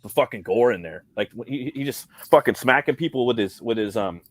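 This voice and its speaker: A man's voice: mid-range voice, lively intonation, a little fast. A man co-hosting a podcast, rambling and swearing as he chats casually about films. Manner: rambling, heavy swearing, slangy. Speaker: podcast co-host. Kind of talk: casual movie chat.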